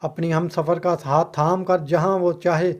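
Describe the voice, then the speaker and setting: A man reading a scripted moral story aloud in a steady, dramatic storyteller manner. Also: on the high side, moderate pace.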